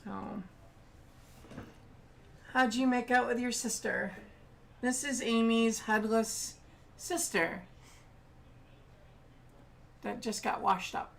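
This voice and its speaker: A woman's voice: on the high side, fairly even intonation, slow pace, gravelly, long pauses, a little hiss or hum. A woman streaming as she paints miniatures, chatting casually with many ums.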